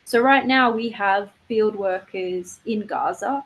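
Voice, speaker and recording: A woman speaking as a campaigner, giving an earnest, measured and informal presentation on an online call. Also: mid-range voice, fairly bright tone. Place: online video webinar. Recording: noticeable faint background noise, online call.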